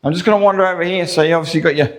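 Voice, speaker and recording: Upbeat Australian agent in echoing empty rooms. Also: male voice, on the high side, steady tone, racing. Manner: upbeat sales patter, keeps saying folks and okay. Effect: echo of big empty rooms. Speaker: real estate agent. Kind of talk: property walkthrough tour.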